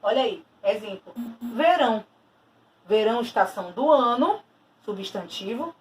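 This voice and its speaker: A woman's voice: on the high side, expressive, a little slow. A woman teacher giving a recorded lesson, explaining patiently and stressing key terms as she repeats them. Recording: distant mic with faint noise.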